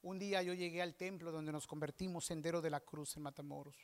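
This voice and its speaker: Pastor guy preaching, high voice, goes quiet then loud. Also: level tone, a little fast. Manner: preaching with swings between soft asides and loud outbursts. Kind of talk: sermon.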